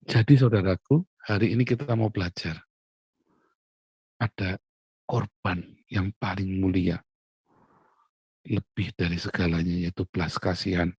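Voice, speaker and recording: A male pastor delivers a casual morning devotional, his voice gravelly and husky with a dark tone. He moves from loud, pressing emphasis to hushed, low asides. The sound is dry and close. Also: no room sound. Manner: colloquial, swings between loud emphatic bursts and quiet low asides.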